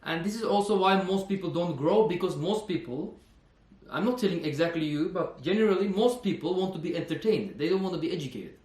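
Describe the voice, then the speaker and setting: A man's voice: sits high, expressive, brisk, a little mellow, reverberant. A man, a personal trainer talking earnestly in a fitness vlog, repeating himself and saying "you know" often. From Norway. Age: 20s.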